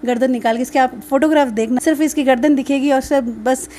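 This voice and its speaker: Middle-aged woman, high voice, chatty storyteller, faint ambient noise behind. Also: steady tone, fairly quick, dark tone. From Rajasthan. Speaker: mother of a young dancer. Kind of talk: casual interview.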